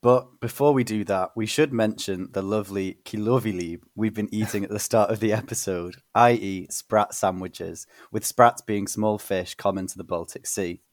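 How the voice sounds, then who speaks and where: A man co-hosting a podcast, relaxed and chatty, telling anecdotes. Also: fairly low pitch, normal speed, few pauses, dry recording, clean studio sound. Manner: relaxed, laughs, tells anecdotes. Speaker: podcast co-host. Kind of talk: casual chat.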